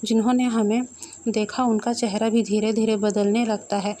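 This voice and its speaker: A grave, solemn village-elder ghost, read by a woman in her own slightly high voice in a spooky storybook. faint background hiss, speech slow and serious. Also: flat delivery, warm tone, natural voice. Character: grave male village-head spirit, cursed and solemn.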